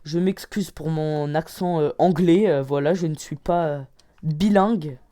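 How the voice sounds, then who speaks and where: A woman voicing lively game commentary from her desk, easily excited and quick to cheer or groan. Her voice sits a little low and sounds dark and mellow. She exclaims often and scores each item out of ten. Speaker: gaming channel host.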